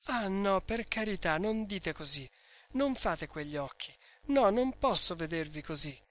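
A man's voice: a little high, fairly even intonation, measured pace, pushed and bright. A man reading a novel aloud, voicing a tearful young woman who pleads through sobs. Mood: tearful pleading. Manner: sobbing, imploring delivery. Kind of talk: read-aloud novel dialogue.

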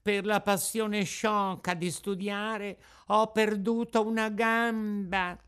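A man voicing a sly, smooth-talking lame fox in an audiobook, drawing out his words slowly. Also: high voice, little pitch movement, fairly bright tone, voice pushed up. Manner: slow, drawn-out sly speech. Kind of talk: audiobook character voice.

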